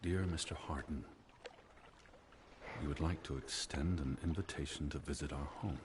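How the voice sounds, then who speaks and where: A man playing an anxious, bookish, old-fashioned gentleman in a mystery video game, speaking formally and earnestly. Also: extremely low pitch, normal speed, background noise. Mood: formal, pensive.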